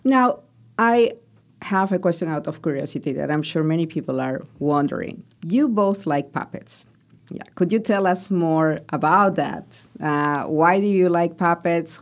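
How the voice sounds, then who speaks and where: A woman from Peru hosting a podcast interview, her voice sitting low. She asks long, thoughtful questions and often restarts them. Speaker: podcast host.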